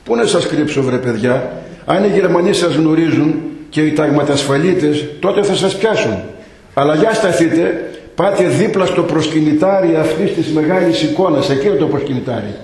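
Man doing a calm, brave elderly abbot, somewhat high, echoey space. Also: gravelly. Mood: earnest.

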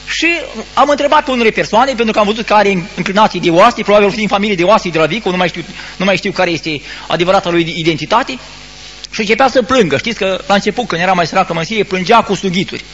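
A man with a high-pitched voice preaches a stern sermon, pressing his listeners with rhetorical questions and breaking off to restart his phrases. The recording is muffled and lo-fi, with a faint hum underneath. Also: a bit bright. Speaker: Orthodox priest.

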